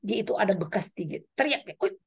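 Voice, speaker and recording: Woman, middle-aged, husky breathy voice, testimony sermon, animated storytelling. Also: fairly quick. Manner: animated storytelling, pitch swinging up and down. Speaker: women's prayer meeting speaker.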